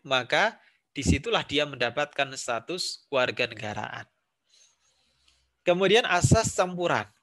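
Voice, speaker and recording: Here a man's fairly high, fairly bright voice delivers a civics lecture at a university, recorded, in an Indonesian accent. He works through the material step by step, offering examples and coming back to the main points again.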